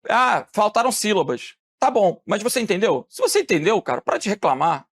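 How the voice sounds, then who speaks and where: A man from Rio de teaching a lively classroom lecture, asking the students questions and answering them himself. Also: sits high, a little fast. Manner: animated, asks questions and answers them, acts out phone calls.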